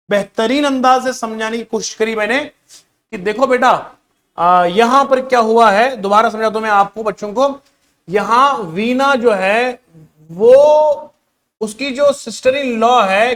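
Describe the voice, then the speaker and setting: A middle-aged man teaches a reasoning class. His voice sits very high, and he keeps prodding the students to answer him. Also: a bit bright. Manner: coaxing, repeatedly prompting students to answer. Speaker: reasoning teacher for government job exams. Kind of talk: classroom lecture explaining puzzles.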